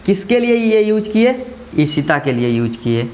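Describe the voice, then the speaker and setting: In a slow classroom grammar lesson, a male school teacher explains step by step and keeps checking that the class is following. His voice is high, very animated and a little mellow.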